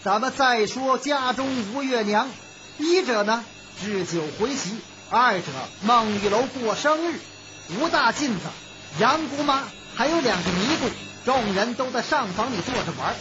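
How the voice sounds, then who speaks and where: Brisk woman storyteller. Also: a little high. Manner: brisk, animated narration. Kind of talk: traditional oral storytelling. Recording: dull lo-fi recording with music.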